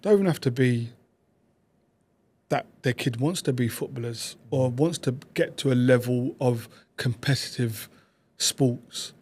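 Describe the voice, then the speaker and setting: A man, a podcast guest telling stories about his past in quick, animated bursts. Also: medium pitch, breathy edge. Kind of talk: reflective conversational storytelling.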